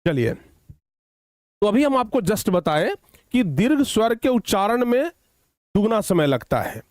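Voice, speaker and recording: A man teaching children a grammar lesson, repeating phrases slowly for dictation and often checking whether they have understood. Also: high voice, very animated, a little mellow, no echo, studio quality. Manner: slow, repetitive dictation, drawing out words; addresses students affectionately, checks understanding often.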